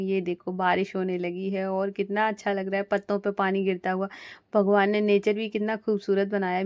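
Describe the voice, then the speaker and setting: A woman's voice: medium pitch, a little mellow, no room sound. A woman in her thirties chatting through her morning routine in a casual home vlog, homely and full of little fillers. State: slightly hoarse throat. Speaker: vlogger, housewife. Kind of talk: casual voice-over vlog narration.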